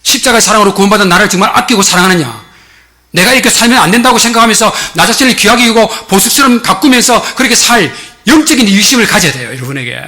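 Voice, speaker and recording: A male pastor delivers a sermon from a church sanctuary, emphatic and exhorting. His voice sits high and bright, and he keeps turning to address his listeners directly as he presses each point home.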